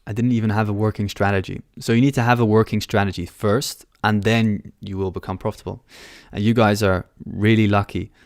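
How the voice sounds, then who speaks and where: A young London-born man runs a live trading stream from a small room on a headset mic, reading chat questions aloud and answering them casually and offhandedly. His voice sits on the low side with little pitch movement, fairly quick and hardly pausing, in clean studio sound with no room echo.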